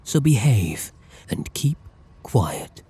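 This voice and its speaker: Voicing a masked male villain for an intimate ASMR drama, this man speaks very slowly in a dark, breathy, near-whispered voice at medium pitch with big pitch swings. Heavily acted, he menaces and taunts his hostage, ordering them around with flirtatious condescension.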